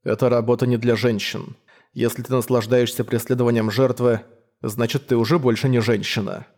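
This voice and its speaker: A man voicing a cold, detached young male hunter who talks flat and emotionless. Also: mid-range voice, brisk, natural voice.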